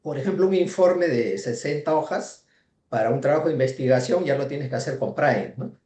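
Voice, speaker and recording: A consultant joins an online workshop and speaks in a measured, methodical way, listing his points with tag questions. His voice is mellow and dark. It echoes around the room he speaks from. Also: medium pitch, lively intonation. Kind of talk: explanatory comment in class.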